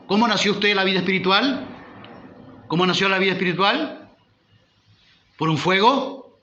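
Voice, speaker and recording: A man's voice: high-pitched, normal speed, bright, forceful tone, echoey room, highs cut off. A man preaching a sermon as pastor, driving points home with rhetorical questions. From Uruguay.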